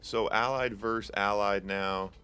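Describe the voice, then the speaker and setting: Soft background music plays beneath a young man's fairly low, bright, forceful voice as he hosts a tournament stream and calls a strategy game. He speaks a little slowly with fairly even intonation, staying casual and chatty with lots of fillers and jokes directed at chat.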